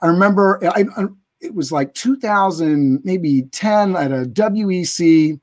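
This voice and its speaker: A man's voice: high-pitched, lively intonation, a little slow. A man in his thirties hosting a live business interview show over a video call.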